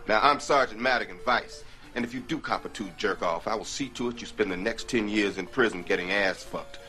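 A man's voice: fairly low pitch, a little fast, pushed and bright, soft background music. An actor playing a menacing, foul-mouthed male police sergeant, blustering through profane threats.

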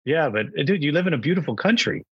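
A man hosting an interview podcast, asking questions in a friendly, relaxed way with fillers. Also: on the high side, fast, breathy edge, dry recording, highs cut off. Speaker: podcast host. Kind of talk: casual interview.

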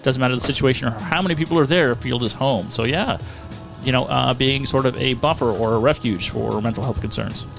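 A man's voice: mid-range voice, fairly quick, vocal fry, music in the background. A man co-hosting a casual podcast, joking and reading out listener comments. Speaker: podcast co-host. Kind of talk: casual chat.

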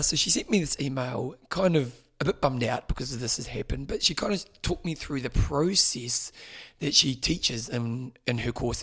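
A man hosting a podcast, chatting casually and rambling a little, slightly hoarse from losing his voice. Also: medium pitch, a bit bright. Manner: rambling, chatty, self-correcting. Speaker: podcast host. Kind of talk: casual podcast intro and interview.

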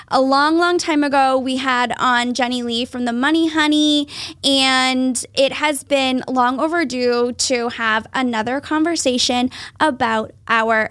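A woman hosting a chatty interview show, her voice pitched high and full of eager excitement. She gushes over her guest and keeps the talk light. The sound is dry and close, with no room around it. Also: no echo. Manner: bubbly, gushing and enthusiastic. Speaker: podcast host. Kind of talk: casual interview chat.

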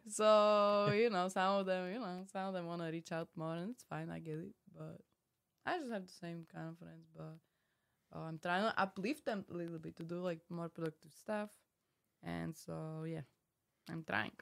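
Young female podcast guest, Slovak accent, lowish voice, casual, blunt and self-deprecating. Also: fairly even intonation, moderate pace, gravelly, smooth. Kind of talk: casual chat.

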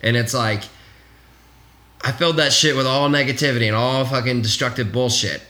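A man's voice: mid-range voice, fairly even intonation, a little fast, bright, forceful tone. A man in his late twenties, co-hosting a casual podcast chat, rambling candidly and swearing freely. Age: 20s. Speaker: podcast co-host.

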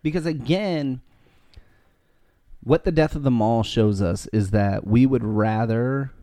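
A man co-hosting a faith podcast, talking fast and earnestly, often restarting his sentences. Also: mid-range voice, dark tone, dry recording, clean studio sound. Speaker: podcast co-host. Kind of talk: casual faith podcast chat. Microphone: podcast mic.

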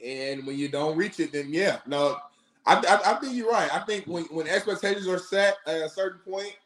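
A man's voice: high voice, normal speed, a bit bright. A man co-hosting casual sports talk, making emphatic points with rhetorical questions in an echoing, roomy recording. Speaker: sports talk show co-host.

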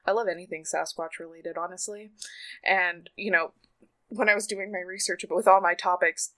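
A young woman co-hosting a podcast in casual chat, relaxed and enthusiastic. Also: lowish voice, moderate pace. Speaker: podcast co-host.

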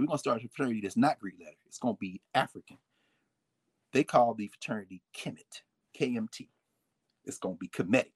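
A man, telling stories in a casual, emphatic conversation with a husky voice. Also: mid-range voice, no room sound. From United States. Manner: animated, emphatic, quotes people in changing voices. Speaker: guest speaking on fraternities and history.

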